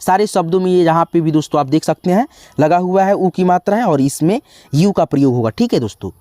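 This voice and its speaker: A teacher slowly spelling out words one letter at a time, often calling the listeners friends. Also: medium pitch, expressive, dark tone, no echo. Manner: slow, drawn-out spelling with frequent "dosto". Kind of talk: spelling lesson.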